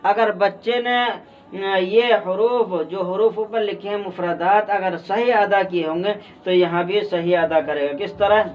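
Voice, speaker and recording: Male teacher, Indian Urdu accent, high voice, off-mic, muffled sound, patient drilling. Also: fairly even intonation, distant mic. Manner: patient, repeats letters slowly and loudly. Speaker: Quran reading teacher. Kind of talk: explanatory lesson.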